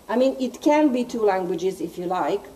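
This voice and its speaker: A woman interpreting in a group discussion, speaking haltingly with many restarts, picked up by a distant camera in a meeting room. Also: medium pitch, animated, warm tone, slight background noise. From Serbia. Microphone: far camera.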